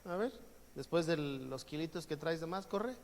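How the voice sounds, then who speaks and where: Here a Mexican-accented pastor preaches in a somewhat high voice at a normal speed, with vocal fry and slight background noise. He jokes and acts out everyday exchanges, and a long hall reverb trails his words.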